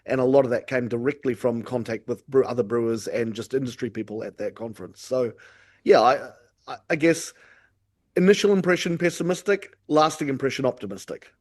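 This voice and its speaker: A man's voice: mid-range voice, fairly quick, a little mellow. A man with a New Zealand accent, talking candidly and reflectively as a guest in a casual podcast discussion.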